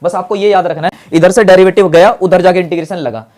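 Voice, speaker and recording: A male maths teacher talks through a lesson at a brisk, rapid clip. He asks questions aloud and answers them himself, and calls his students brother in a friendly way. He repeats the key steps to drive them home. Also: high voice, steady tone, darkish tone.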